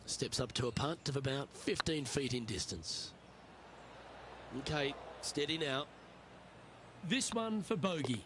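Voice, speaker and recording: A man's voice: medium pitch, lively intonation, measured pace, long pauses, fairly bright tone, slight background noise. A man playing the lead golf commentator in a video game, calling each shot in short running updates over outdoor ambience. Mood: composed, observant.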